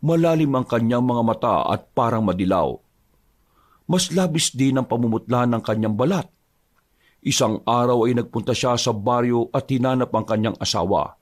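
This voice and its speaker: A man reading a scripted horror story as its narrator, in a measured storytelling way. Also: medium pitch.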